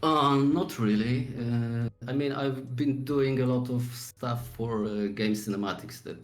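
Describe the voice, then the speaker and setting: A man's voice: mid-range voice, unhurried, reverberant, faint music behind, rough recording. A man in his forties from Poland with a Polish accent, easygoing and searching for words as a guest in a casual podcast interview. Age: 40s. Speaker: guest artist.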